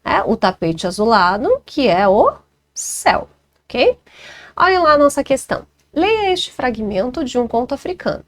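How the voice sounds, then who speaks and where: Brazilian female teacher, chatty exam walkthrough over a screen recording, higher pitch. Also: big pitch swings, normal speed. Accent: Brazilian Portuguese. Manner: chatty, checks in with listeners often.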